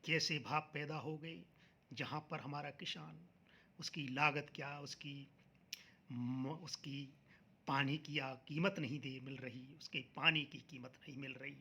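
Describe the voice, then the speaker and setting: A man's voice: fairly high pitch, sharp tone, slightly rough. A man delivering an impassioned political speech, declaiming with rhetorical questions and slogans. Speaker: political speaker.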